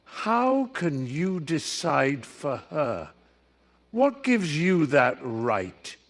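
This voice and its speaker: A man voicing a defiant young woman, with slow, earnest, insistent speech in a storybook reading. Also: a little high, very animated, full character voice.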